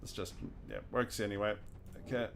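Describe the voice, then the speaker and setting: With a fairly low, slightly bright voice and level tone, a Kiwi gaming streamer speaks fairly quickly while playing a video game. He thinks aloud in a casual way and chuckles often. Soft music can be heard in the background.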